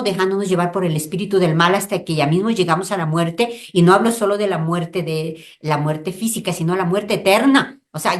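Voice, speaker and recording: Ecuadorian woman, lowish voice, preachy radio catechism talk with sudden emphatic peaks. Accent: Ecuadorian Spanish. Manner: preachy, lively storytelling with sudden emphatic rises. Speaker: guest speaker, religious sister. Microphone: radio studio mic.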